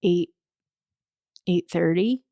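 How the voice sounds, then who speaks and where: A woman in her thirties, a podcast co-host, chatting casually and telling rambling, animated stories about her kids. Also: fairly low pitch, drawn-out words, creaky, no echo, clean studio sound. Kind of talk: casual chat.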